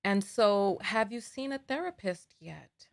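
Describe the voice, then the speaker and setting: A woman's voice: medium pitch, animated, measured pace, creaky. A woman hosting a live call-in advice show, earnest and probing, pressing a caller with pointed questions. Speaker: host.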